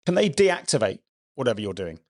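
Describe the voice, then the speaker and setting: Male host, mid-pitched, casual questioner who restarts his sentences. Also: sing-song, a little fast, darkish tone. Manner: conversational, asks questions with restarts. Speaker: podcast host. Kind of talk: podcast interview.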